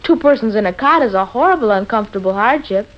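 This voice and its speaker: Heard through a muffled old radio recording, a 1940s comedy features an American-accented performer as a matter-of-fact, literal-minded boy. He objects earnestly while needling his dad, talking fast in an expressive, natural, mid-range voice.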